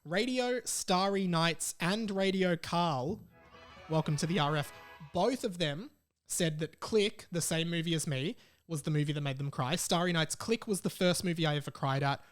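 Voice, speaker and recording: A young Australian man with a fairly high-pitched voice hosts a podcast solo, chatting casually at a moderate pace. He alternates between reading messages aloud and adding his own informal comments, with faint music behind him.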